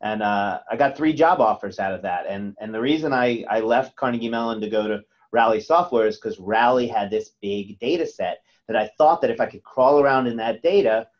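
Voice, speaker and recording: A man's voice: lowish voice, fairly quick, hardly any pauses. Man on a muffled call line. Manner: repeats words, many restarts. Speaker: guest speaker. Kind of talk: webinar presentation. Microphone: webcam on video call.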